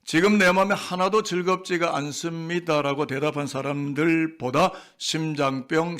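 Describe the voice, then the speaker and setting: A male pastor preaching in a church, his voice sitting a little high for a man. He keeps things light, teasing and quizzing the people in the pews before turning to the message. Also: fairly bright tone. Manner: playful, jokes and quizzes the congregation. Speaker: senior pastor. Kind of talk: sermon. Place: church sanctuary.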